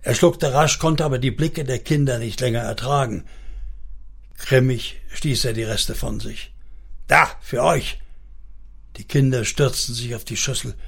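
Male narrator, mid-pitch, gravelly, measured and somber storybook reading.

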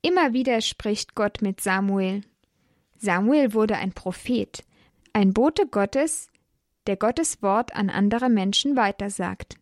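A woman tells a children's Bible story at a slow, deliberate pace and speaks straight to the young listener. Her voice has a middle pitch and a gentle manner. The recording is dry and close. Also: no room sound. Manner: gentle, addresses the listener directly.

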